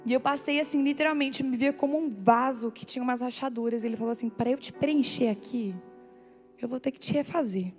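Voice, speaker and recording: A woman's voice: a little high, fairly quick. A woman preaching a heartfelt sermon at a church women's meeting, intense and pleading, stretching out her phrases. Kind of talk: emotional sermon. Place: church hall. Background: soft instrumental music.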